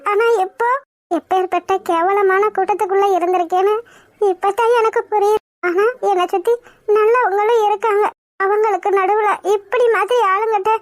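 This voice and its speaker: A very high, dry voice from a performer playing a frightened young cartoon woman, lamenting what has been done to her. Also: no echo. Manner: bewildered lament.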